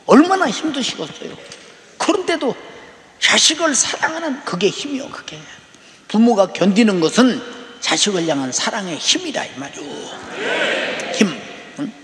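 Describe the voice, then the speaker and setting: A man's voice: sits high, big pitch swings, moderate pace, pauses often, fairly bright tone. An older man preaching a sermon as pastor. He presses his points and keeps prodding the congregation with rhetorical questions. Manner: emphatic, rhetorical "eh?" prompts to the congregation. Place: large church sanctuary. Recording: echoey hall reverb.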